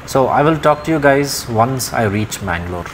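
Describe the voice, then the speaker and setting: A young man from India talks through his helmet mic as he rides, easygoing and plain-spoken, at a mid pitch. Road and engine noise hum clearly behind him. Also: expressive, moderate pace. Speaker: motovlogger. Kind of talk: casual travel vlog narration. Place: on a motorbike on a road.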